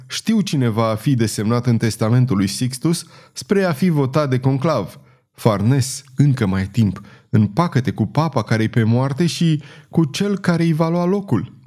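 A man's voice: mid-range voice, animated, a little mellow, close to an everyday voice. A man voicing a scheming older churchman who speaks in an urgent, icy, insistent way. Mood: pressing.

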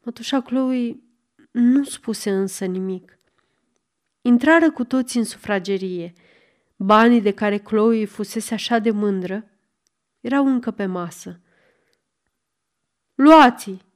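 A woman narrating a volunteer audiobook in an even, unhurried manner. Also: medium pitch.

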